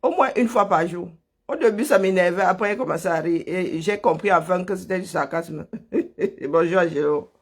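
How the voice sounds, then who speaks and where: A man's voice: sits high, moderate pace. A man from Cameroon hosting a live stream, greeting viewers by name and ranting sarcastically about politics. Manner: sarcastic, laughs often. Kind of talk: casual live stream commentary.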